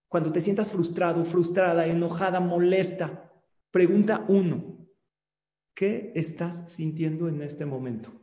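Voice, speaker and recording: A man, a rabbi, giving a religious class over a video call in an animated teaching manner, often asking his listeners questions. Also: sits high. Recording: echoey room with long reverb.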